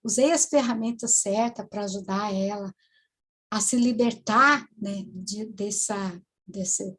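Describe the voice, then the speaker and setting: A woman, a hypnotherapist telling a client's story in a halting way, full of tag questions and restarts. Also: medium pitch, fairly bright tone. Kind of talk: storytelling lecture to students.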